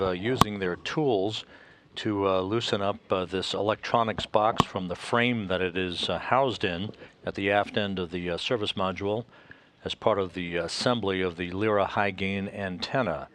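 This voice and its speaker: An American man giving live technical commentary from mission control, in a measured, halting delivery full of uhs. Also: low-pitched, fairly even intonation, noisy background.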